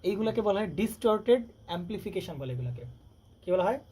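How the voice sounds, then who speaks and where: High, very animated, dark, and husky, the man's voice drives a rapid classroom lecture on electronics. He keeps peppering his students with rhetorical questions, and faint background noise can be heard.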